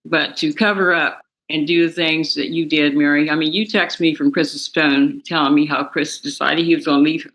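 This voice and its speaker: A woman's voice: sits low, fairly bright tone, poor audio. A woman from the victim's family speaking to the defendant in a courtroom, emotional and accusing, repeating herself as she talks. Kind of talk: spoken victim impact statement.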